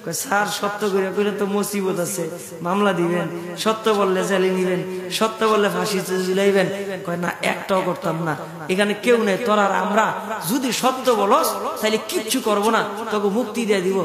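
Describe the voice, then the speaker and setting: A man with a preaching a sermon, telling a story, rising into shouted peaks and then falling to soft asides. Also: high voice, fairly even intonation, fairly quick. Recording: echoey hall, crowd behind.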